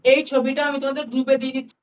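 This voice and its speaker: A woman with a Bengali accent and a high voice gives an online grammar lesson. She explains patiently, slowing down to repeat key words and often checking whether her students have understood. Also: completely flat delivery. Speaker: English grammar tutor.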